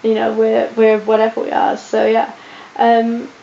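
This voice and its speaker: A young vlogger running on little sleep answers viewer questions in a croaky voice and an affected posh British accent. She's on the high side, monotone and mellow, at a measured pace, yet rambles chattily with many ums and restarts. The casual Q&A sounds dull and lo-fi, echoey with a faint hiss.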